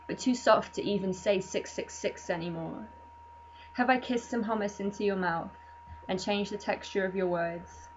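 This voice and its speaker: A woman performing her own spoken word poetry in a measured, deadpan delivery. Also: mid-range voice. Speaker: poet. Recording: muffled lo-fi recording with faint hum.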